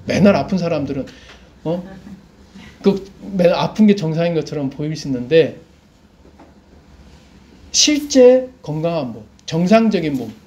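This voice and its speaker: A man's voice: a little high, expressive, normal speed, long pauses, darkish tone. A middle-aged man preaching a sermon as pastor. He asks the congregation questions and then answers them himself.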